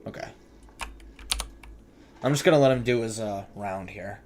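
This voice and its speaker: Speaking at a moderate pace, a man with a fairly low, darkish voice streams a horror game with jokey, casual remarks. He's nervous about scares and answers the characters back, and the recording carries clear background noise along with keyboard clicks and typing.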